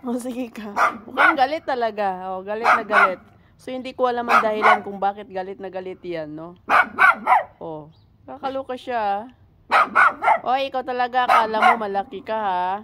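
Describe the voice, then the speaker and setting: A woman's voice: medium pitch, fairly quick. A woman vlogging casually in her backyard, chatty and teasing with lots of exclamations. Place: backyard outdoors. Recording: loud background noise. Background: barking dog.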